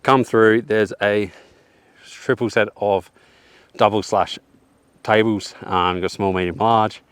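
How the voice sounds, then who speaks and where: Laid-back guy, low and dry. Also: fairly even intonation, slow, clean tone, no echo. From Australia. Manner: laid-back, slangy, joking. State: out of breath. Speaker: mountain bike vlogger walking the track. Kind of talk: casual track walk commentary. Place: outdoors on a forest hillside.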